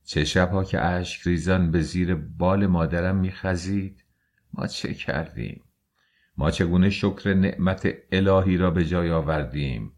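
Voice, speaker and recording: A man narrating an audiobook in the first person, reading slowly with a grave, mournful delivery. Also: sits low, steady tone, a little mellow.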